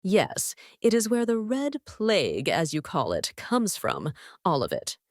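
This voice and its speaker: A man's voice: high-pitched, wildly swooping pitch, unhurried, no echo, studio quality, voice pushed up, full character voice. A man voicing a solemn priestess who keeps an ancient vigil in a fantasy tale. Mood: grave. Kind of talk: fantasy tabletop story narration.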